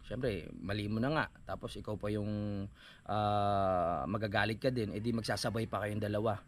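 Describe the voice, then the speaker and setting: A man's voice: on the low side, steady tone, normal speed. A young adult man tells a casual vlog story and slips into a mock-preachy tone, speaking to viewers as if to a congregation. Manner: mock-preachy, addresses viewers as "mga kapanalig". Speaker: vlogger.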